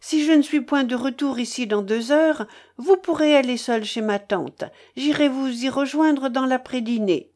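A woman's voice: sits high, normal speed, a little mellow, voice pushed up, natural voice. A woman reading the part of a gallant, admiring young nobleman in a storybook, with earnest, courtly speech. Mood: friendly.

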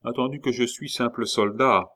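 A man voicing a courteous, plain-spoken male sentry in an audiobook, speaking higher and louder than his narration. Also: fairly even intonation, moderate pace, close to an everyday voice. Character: polite simple male sentry soldier. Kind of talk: audiobook character reading.

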